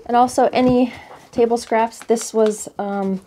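A woman's voice: a little high, a little slow, background noise. A woman from Canada in her forties, casually explaining her chores as she films herself outdoors by a snowy hen house on a handheld phone. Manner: relaxed, chatty, thinking aloud. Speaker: homesteading vlogger. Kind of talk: casual how-to narration.

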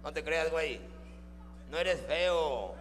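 Man playing a crude, insulting Mexican puppet; high, drawled, slow delivery over live music. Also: expressive, in a large hall. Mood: mocking. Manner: vulgar roasting jokes, drawled. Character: crude foul-mouthed male puppet, insulting the crowd. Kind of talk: live ventriloquist comedy.

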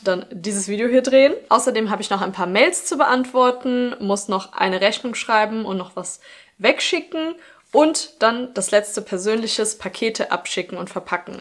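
Bright in tone and mid-range in pitch, a young woman in her twenties casually tells her vlog audience about the chores she has in her small apartment. She comes across as cheerful and talkative, filming indoors in a sunny, compact room.

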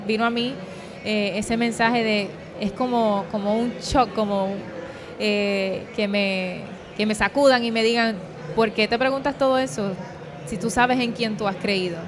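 Her voice is on the high side, with fairly even intonation and a measured pace. A young woman from Puerto Rico, she speaks with a Puerto Rican accent, giving a sincere but hesitant personal account in an interview on a handheld mic while event crowd chatter surrounds a convention booth.

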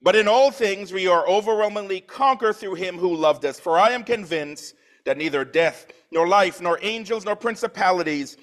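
Earnest higher-voiced male preacher. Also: moderate pace, few pauses. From Trinidad. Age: 40s. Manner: emphatic scripture reading with swelling loudness; plain conversational asides. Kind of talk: sermon. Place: church.

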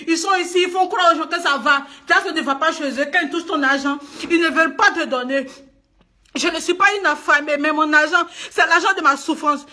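A woman's voice: high voice, bright, forceful tone. An upset woman speaking live in a video, tearful and repeating herself as she pleads her case. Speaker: singer and stage performer. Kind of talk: emotional live video rant. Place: indoors in a private home.

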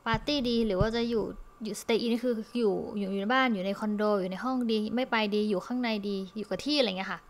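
A young Thai woman records an English lesson for her students. She goes through each word slowly and repeats it often. Her voice sits at an ordinary middle pitch. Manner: explains step by step, often repeating words. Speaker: English teacher.

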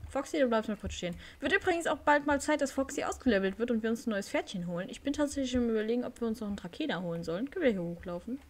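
A woman's voice: a little high, lively intonation, rapid-fire, hardly any pauses. A woman casually commenting while playing a horse-riding game, thinking aloud. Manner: chatty, thinks aloud with fillers. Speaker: let's play host.

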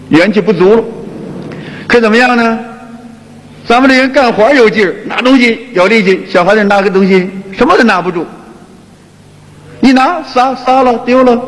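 High-voiced man lecturing in a reverberant hall. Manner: colloquial and lively, often repeating phrases. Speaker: qigong teacher.

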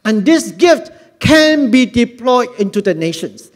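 High-voiced Singaporean man preaching. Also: a little slow. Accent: Singaporean English. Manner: earnest, animated, repeats words. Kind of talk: sermon. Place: large church hall on a stage. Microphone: handheld mic. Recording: long hall reverb.

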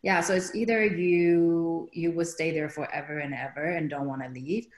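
A woman hosting an interview as a dance company director, talking on a video call from a small room, relaxed and quick to laugh. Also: low voice, reverberant. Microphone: laptop webcam on a video call.

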